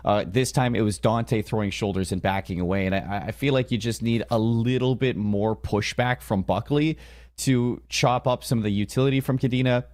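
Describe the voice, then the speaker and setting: A man's voice: lowish voice, normal speed, a little mellow. A man giving live esports commentary, following the play and analysing team tactics as he goes.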